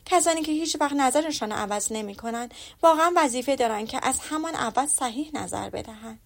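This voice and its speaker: A woman reading the lines of a witty, spirited young woman in a lively, teasing way. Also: high-pitched, creaky, exaggerated voice.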